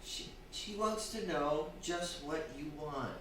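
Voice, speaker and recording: In a very reverberant hall, a man plays a henpecked, frightened husband from a radio play. His fairly high voice stammers and hesitates, slow and unsure. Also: a bit bright. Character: timid, weak-willed henpecked husband, frightened and desperate. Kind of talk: stage radio drama acting. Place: theatre stage before a live audience. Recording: very echoey hall, distant, faint noise.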